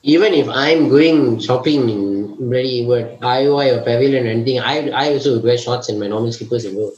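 A man's voice: medium pitch, a little fast, a little mellow. A young man with a Malaysian English accent, ranting casually to his friends and calling them bro. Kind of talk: casual chat among friends. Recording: roomy, muffled, faint background noise.

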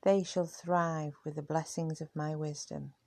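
A woman's voice: low-pitched, unhurried, creaky, dry recording, exaggerated voice. Athena, a woman reading a composed wise goddess. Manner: calm proclamation.

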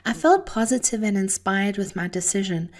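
A middle-aged woman with a South African accent delivers a scripted motivational monologue in an earnest, deliberate, personal storytelling manner. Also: mid-range voice, lively intonation. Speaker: host of an encouragement podcast.

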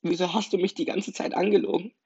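A man voicing a hurt, tearful teenage schoolgirl in a storybook reading, raising his voice high and loud over a dull lo-fi recording. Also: little pitch movement, fast, husky, no echo. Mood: hurt, accusing.

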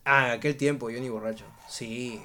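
A man's voice: medium pitch, fairly even intonation, normal speed, crowd noise. A man co-hosting a podcast, chatty and self-mocking, laughing a lot. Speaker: podcast co-host. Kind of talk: casual chat.

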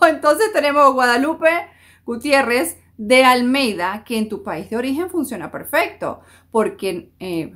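A woman giving job-search advice in a conversational style, speaking straight to her listeners and switching into English to act out phone calls. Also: on the high side. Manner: conversational and explanatory, addressing listeners directly. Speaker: career and job-search advisor. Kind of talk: direct-to-camera advice talk.

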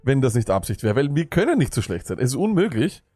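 A man's voice: medium pitch, big pitch swings, fast, dark tone, dry recording, studio quality. A man co-hosting a fantasy football podcast, ranting and sarcastic, jumping between thoughts. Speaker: podcast co-host. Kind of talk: casual fantasy football chat.

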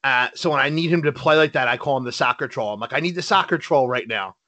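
A middle-aged man and father chatting casually on a podcast, telling stories with lots of laughter and quick asides. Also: mid-range voice. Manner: animated storyteller, laughs often. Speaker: podcast co-host. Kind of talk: casual chat.

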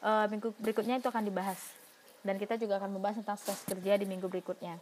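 Woman, lecturer, explanatory, answers her own questions, mid pitch, faint hiss behind. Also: flat delivery, rapid-fire, darkish tone. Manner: explanatory, rhetorical questions answered herself, frequent fillers. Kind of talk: recorded university lecture.

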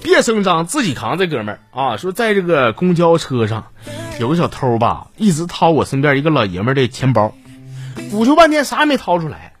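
A man's voice: fairly high pitch, big pitch swings, brisk, faint music behind. A man with a Northeastern Chinese accent who hosts a comedy show, reading listener stories aloud in a jokey, teasing way and laughing at his own punchlines. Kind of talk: comedic storytelling.

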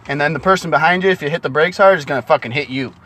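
A man's voice: a little high, rapid-fire, pushed and bright. A man telling a party story in casual chat with a friend, rambling and swearing freely.

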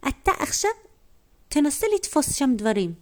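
A high, wavering old grandmother, as a woman puts her on for a bedtime story, gushing and repeating herself, always on the edge of happy tears. Her voice swoops up and down. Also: very animated. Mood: eager. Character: excitable, easily moved grandmother, older woman.

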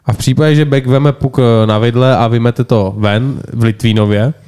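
A man's voice: medium pitch, fairly even intonation, warm tone, smooth. A man hosting a podcast, asking questions in a joking, conversational way. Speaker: podcast host. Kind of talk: casual podcast chat.

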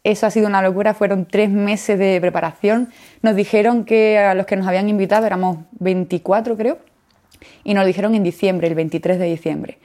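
A young woman from Jerez with an Andalusian Spanish accent appears as a flutist guest in a relaxed interview, her mellow, medium-pitched voice brisk and fairly even in intonation. She recounts her story lively, acting out what she once said and laughing a lot.

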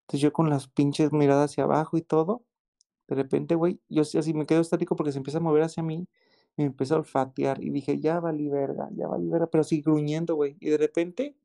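A man with a Mexican accent telling a story in casual chat, excited and slangy, often repeating exclamations. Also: fairly high pitch, fast talker, creaky. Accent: Mexican Spanish.

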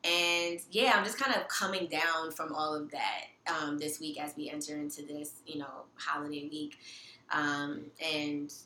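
A woman's voice: low-pitched, fairly even intonation, measured pace, pushed and bright. Woman, echoey room. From Queens, New York. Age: 30s. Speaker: podcast guest. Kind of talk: casual personal chat. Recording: echoey room, audible background noise.

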